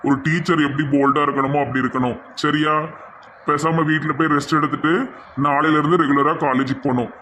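Tirunelveli-accented man, gently scolding. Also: on the high side, steady tone, a little fast, a little hiss or hum. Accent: Tirunelveli Tamil. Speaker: comedy sketch actor. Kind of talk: scripted village comedy sketch.

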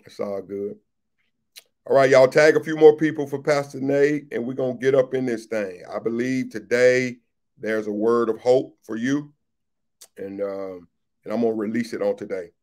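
A male pastor chatting loosely on a livestream before his message, calling out viewers by name and reading their comments. He talks in a relaxed, easygoing way and circles back to repeat his lines, with a mid-range voice. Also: mid-range voice, moderate pace.

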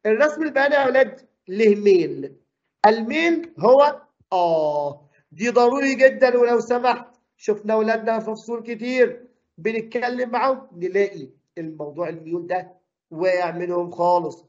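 A man with an Egyptian Arabic accent teaching a physics lesson, quizzing the class with quick questions. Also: sits high, animated, dull audio.

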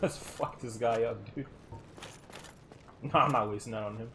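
A woman streamer giving live gameplay commentary, swearing constantly, laughing and yelling at the game. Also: very deep voice, moderate pace. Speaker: gaming streamer. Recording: steady background noise.

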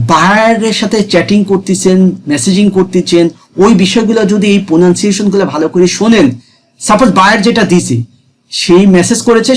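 High-voiced man explaining a screen. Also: slight background noise. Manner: chatty, repeats himself, asks viewers "ঠিক আছে?". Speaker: freelancing tutor. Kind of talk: casual screen tutorial.

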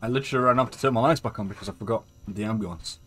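A man's voice: lowish voice, rapid-fire, fairly bright tone. A man playing a game with friends, making dry, wry quips in casual chat. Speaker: guest player.

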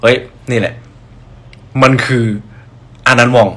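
A man's voice: mid-range voice, steady tone, unhurried, a bit bright. A young man chatting on a livestream about his brand, rambling with restarts and answering viewers' comments. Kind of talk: casual livestream chat.

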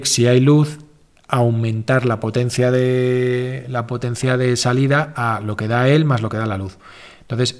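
Rambling man hosting live Q&A. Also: medium pitch. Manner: rambling, self-correcting, informal. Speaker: livestream host answering viewer questions. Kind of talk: casual live Q&A.

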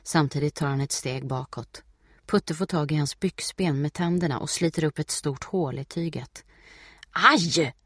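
A man reading a novel aloud as an audiobook narrator, in a steady, measured way. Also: a little high, no room sound, clean studio sound.

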